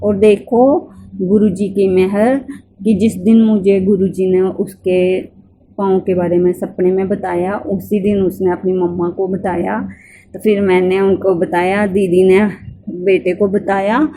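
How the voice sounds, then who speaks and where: A woman with a mellow, warm tone gives devotional testimony to a gathered congregation. She tells her story earnestly and addresses her listeners directly. Her speech is halting and repetitive, with many restarts. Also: mid-range voice, little pitch movement, a little hiss or hum.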